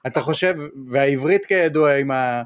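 A man in a casual discussion, articulately building up to a question. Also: mid-range voice. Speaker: panel speaker.

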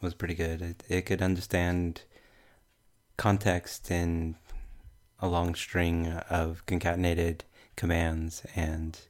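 A podcast panelist with a broad New Zealand accent speaks in a low, very flat voice. In this casual tech discussion, he is measured and halting as he works through his thoughts.

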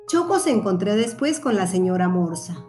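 A woman narrating a children's story to young listeners, speaking gently and clearly. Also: medium pitch, big pitch swings, moderate pace. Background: soft music.

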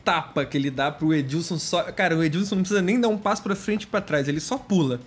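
High-voiced Brazilian co-host, wry. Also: male voice, quick pace, husky. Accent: Brazilian Portuguese. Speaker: podcast co-host. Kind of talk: casual football chat.

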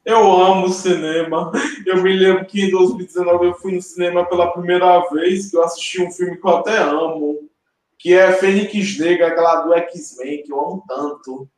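A man's voice: sits high, fairly even intonation, normal speed, a little mellow. A young man with a Brazilian Portuguese accent, a co-host answering earnestly and simply. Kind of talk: casual live-stream chat. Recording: very echoey, far from the mic.

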